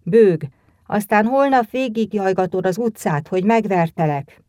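A woman voicing a shouting little boy acting drunk. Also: medium pitch, animated, no room sound, clean studio sound, close to an everyday voice. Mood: menacing. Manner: shouting, slurred, abusive outbursts. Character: small boy playing a drunken, brutal husband.

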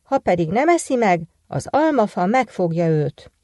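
A woman's voice: mid-range voice, very animated, dark tone, no echo. A woman voicing scheming witch's daughters-in-law. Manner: plotting, boastful.

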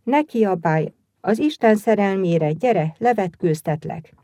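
Woman doing a little girl playing a scared wife, pleading, tearful, slow, mellow, dry sound. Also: medium pitch, animated, no room sound, lightly acted.

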